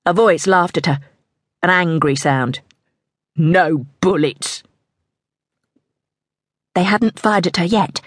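A woman narrating an audiobook in a tense, measured storytelling manner. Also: fairly low pitch, no echo.

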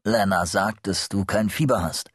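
A man voicing a middle-aged male psychologist in an audiobook, speaking smoothly, evenly and with quiet insistence. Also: on the low side, steady tone, normal speed, no room sound, studio quality. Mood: measured. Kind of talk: audiobook character reading.

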